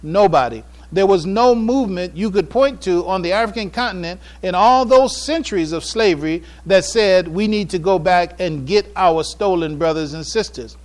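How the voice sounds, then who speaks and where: An American man from the United States gives a public address in a notably high register. His prepared religious and historical lecture, read from notes, comes across as formal, deliberate oratory that leans firmly on key phrases.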